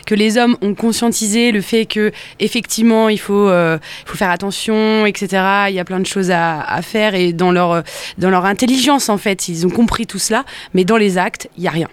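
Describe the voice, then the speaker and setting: A woman co-hosting a casual round-table talk, explaining earnestly in halting phrases. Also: mid-range voice, smooth, no room sound. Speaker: podcast co-host.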